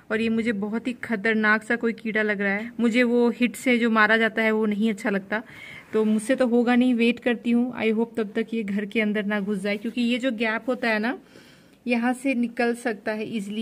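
Picture a young woman talking to her camera at home, words pouring out at a rapid clip. Her voice sits high and bright, and she chats on with a casual, friendly ease. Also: level tone. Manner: talks very fast, chatty. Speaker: vlogger. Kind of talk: casual home vlog chat.

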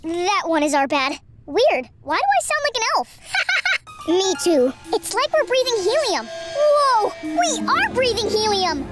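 An actor voicing an excitable cartoon schoolboy detective with a squeaky helium voice, like a Christmas elf. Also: a little slow, over music, full character voice. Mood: excited, surprised. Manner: excitable, exclaiming. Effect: helium-like pitched-up voice.

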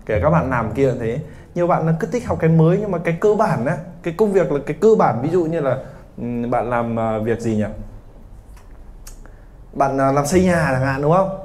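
Lively Vietnamese teacher with a mellow voice. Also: male voice, on the high side, a little fast. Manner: lively, joking, teasing students. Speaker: English teacher. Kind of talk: classroom lesson. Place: classroom.

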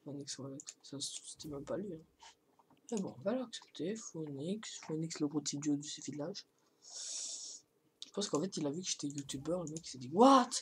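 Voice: medium pitch, animated, brisk, slight background noise. A YouTuber casually commentating on a gaming prank, amused and talking to viewers. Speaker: YouTuber host.

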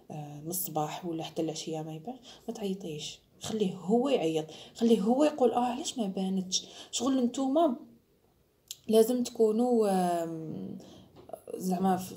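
A woman's voice: lowish voice, mellow. A woman with an Algerian Arabic accent, giving brides-to-be advice in an emphatic, chatty vlog, slipping in French phrases. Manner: emphatic, mixes French phrases, mimics others. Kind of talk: casual advice talk to the camera.

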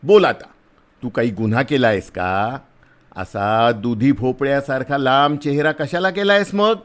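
A man playing a big, rough soldier who is blustering but kind, talking loudly in a scolding, teasing way. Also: medium pitch, normal speed, voice pushed up, lightly acted.

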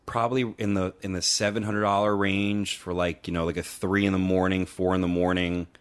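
A man's voice: low voice, level tone, a little fast, clean tone. A man co-hosting a podcast, chatting in a laid-back way full of fillers. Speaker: podcast co-host. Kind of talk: casual podcast chat.

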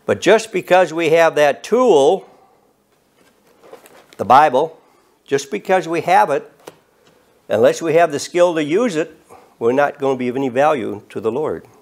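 A man of eighty preaching an earnest, measured sermon from a podium and rising in emphasis on key words. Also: fairly high pitch, expressive. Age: 80s. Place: studio set with bookshelves and flags.

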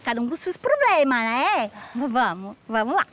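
Bubbly clown granny cook, high voice, rambly sing-song questions. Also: female voice, very animated, moderate pace, fairly bright tone. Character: Fiorella, chatty nonna clown cook woman. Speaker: show host in character. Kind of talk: comic clown-show interview. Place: outdoors on a rural farm.

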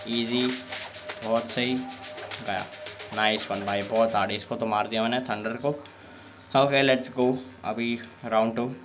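A young man with a sore throat giving excitable live commentary while playing a fighting game, often bursting into exasperated complaints. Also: lowish voice. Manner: excitable, frequent exasperated outbursts. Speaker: gameplay streamer.

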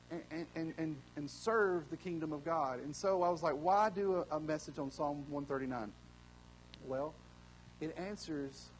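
Man as guest preacher, excitable and chatty, slightly high voice, faint hum behind. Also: rough recording. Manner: excitable, joking, many fillers and restarts. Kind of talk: casual storytelling sermon.

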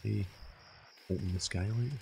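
Casting: Scottish male game streamer, casual running commentary, deep voice with plenty of fry. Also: fairly even intonation, measured pace, background noise. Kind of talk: casual live gameplay commentary, chatting to viewers.

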